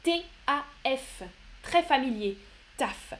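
A woman's voice: sits high, lively intonation, slow, fairly bright tone. A young woman teaching a live online vocabulary lesson, reading out students' chat answers and explaining them. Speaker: French teacher.

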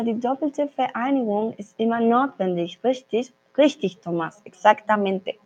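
Woman teacher, live online class, slow and patient, repeats examples, dull lo-fi audio. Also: mid-range voice, a little mellow. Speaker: Spanish teacher. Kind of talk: live online language lesson.

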